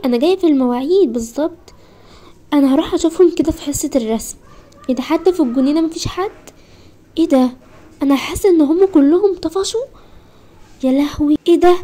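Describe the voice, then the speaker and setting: A young schoolgirl, as a woman tells her story with an Egyptian Arabic accent, talking in fast, breathless bursts full of exclamations. Her voice sits high, with a mellow, dark tone. This is a first-person storybook role-play. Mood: worried. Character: young schoolgirl left alone, fearful.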